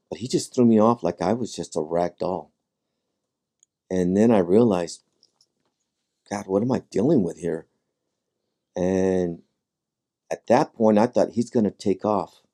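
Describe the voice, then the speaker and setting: A man with a low, very dark and mellow voice recounts a personal story as a podcast guest. He speaks in a measured, dramatic way, pausing often and acting out his own past thoughts. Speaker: podcast guest, former highway patrol sergeant.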